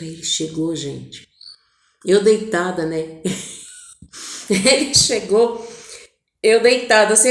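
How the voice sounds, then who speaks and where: A woman telling her viewers a personal family story in an intimate, animated way, acting out what each person said. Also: medium pitch. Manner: intimate, animated retelling with voiced quotes. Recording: echoey room.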